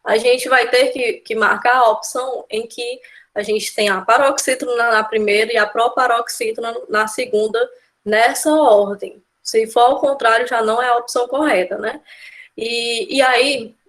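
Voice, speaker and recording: A woman's voice: fairly high pitch, fairly even intonation, normal speed, fairly bright tone. A woman with a Brazilian accent teaching an exam-prep grammar lesson, explaining step by step and often checking in with her students. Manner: explanatory, keeps adding "né?" and "tá?" checks. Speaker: Portuguese teacher.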